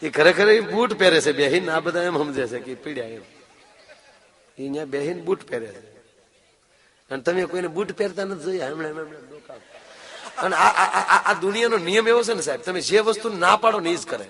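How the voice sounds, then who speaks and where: Male folk storyteller, slightly high and bright, humorous live telling. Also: fairly quick. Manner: lively, talks straight to the audience.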